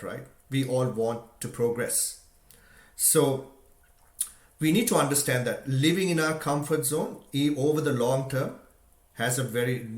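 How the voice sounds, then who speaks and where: Earnest man from Sri Lanka, echoey room. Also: mid-range voice. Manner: earnest, conversational, many "you know" and "right?" fillers. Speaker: motivational speaker. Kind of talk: unscripted motivational talk.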